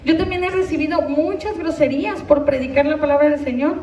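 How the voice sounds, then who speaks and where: A woman's voice: high voice, fairly quick, a little mellow, echoey room, recorded from a distance, a little hiss or hum. A woman pastor preaching a sermon, questioning and exhorting her congregation directly. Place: church hall.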